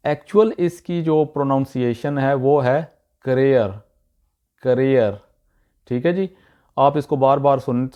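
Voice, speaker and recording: A man's voice: fairly high pitch, darkish tone, highs cut off. Man teaching pronunciation. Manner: repeats example words slowly, many "uh" pauses. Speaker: YouTube teacher. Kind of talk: pronunciation lesson.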